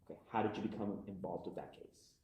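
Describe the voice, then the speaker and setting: A man questioning a witness as prosecutor in a measured way, heard in a courtroom recording. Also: lowish voice, creaky, mellow, slight background noise. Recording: echoey courtroom audio.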